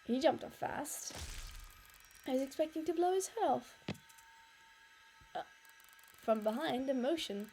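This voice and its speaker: A woman playing a story game, reading its lines aloud and reacting with animated, excitable commentary. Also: high voice, measured pace, long pauses, slight background noise. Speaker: let's play gamer. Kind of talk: casual gameplay commentary, reading dialogue aloud. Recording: faint game music behind.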